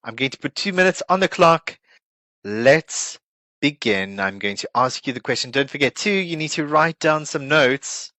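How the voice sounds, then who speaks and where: Lively-voiced male English teacher. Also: medium pitch, normal speed, dry recording. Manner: encouraging, explains with examples. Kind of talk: speaking test coaching.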